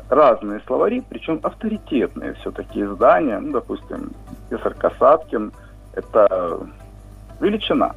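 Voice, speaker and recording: A man's voice: lowish voice, vocal fry, slightly rough. A man, a linguistics professor, calling in to a radio show and explaining a point at length with frequent hesitations. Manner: measured, lecturing with many hesitations. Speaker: linguistics professor, phone guest. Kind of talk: radio phone interview. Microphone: phone. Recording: tinny phone line with faint music.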